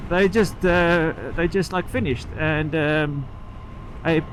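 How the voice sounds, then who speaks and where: A man talking casually and haltingly from inside his helmet while riding a motorcycle, rambling like a vlogger and picking his thread back up. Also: fairly high pitch, rough recording. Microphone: microphone inside the helmet. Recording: inside-helmet sound with road and engine noise.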